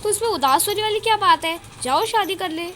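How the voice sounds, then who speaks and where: A woman's voice: very high voice, lively intonation, fairly quick, a bit bright, a little hiss or hum, pitched above the performer's own voice. A woman voicing an earnest young boy who adores his aunt.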